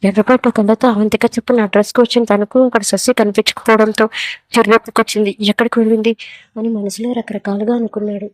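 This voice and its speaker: A woman reading a serialized romance story aloud in a steady storytelling manner. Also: medium pitch, fast talker, no room sound. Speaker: narrator. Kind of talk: scripted narration of a serial story.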